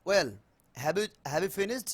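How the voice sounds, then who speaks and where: A man with a Bengali accent runs a spoken English class online via video call, blending Bengali with English and slowly repeating words for learners. He has a high, expressive voice.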